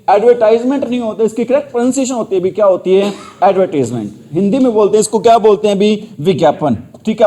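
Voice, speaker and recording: A man's voice: sits high, dark tone. A man teaching a grammar lesson, who asks the class the same question again and again so they give the answer back. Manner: repeats questions, drills students for answers.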